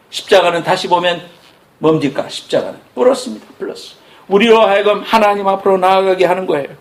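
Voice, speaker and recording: A middle-aged male pastor delivering an animated sermon, dropping low and soft when he quotes God.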